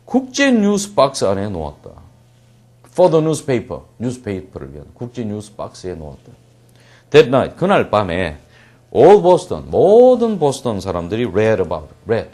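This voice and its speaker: A man teaching English reading in a classroom lecture. He reads English lines slowly and deliberately, explains them quickly, and asks questions that he answers himself. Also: lowish voice, huge pitch swings, mellow.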